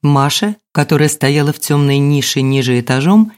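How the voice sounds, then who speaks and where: A woman narrating a novel as an audiobook in a measured storytelling manner. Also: low-pitched, expressive, a little mellow. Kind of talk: scripted narration.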